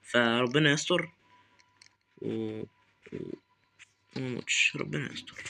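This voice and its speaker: A man's voice: mid-range voice, a little slow, creaky, background noise. A young man with an Egyptian Arabic accent commentating a horror game, nervously muttering prayers and taunting the game. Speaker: gaming YouTuber.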